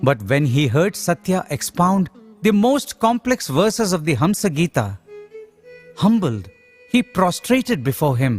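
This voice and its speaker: A man reading a reverent scripted documentary narration. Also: high voice.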